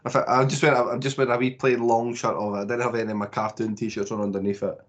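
A man's voice: medium pitch, little pitch movement, quick pace, highs cut off. A young man hosting a casual movie podcast, teasing his co-hosts. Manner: jokey, teasing banter. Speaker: podcast host.

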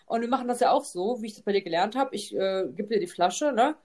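A young woman, a mother, telling a long story in a casual podcast chat, tagging her sentences with a quick "ne?". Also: medium pitch, darkish tone. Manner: chatty storytelling, constant tag "ne?". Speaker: podcast host, mother of two.

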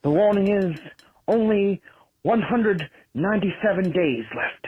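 A man's voice: high-pitched, measured pace, breathy edge. A man leaving a rambling, chatty voice message that is played back from a phone voicemail, with many ums and uhs. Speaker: listener leaving a voicemail for the podcast. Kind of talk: casual voice message. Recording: tinny phone-line voicemail.

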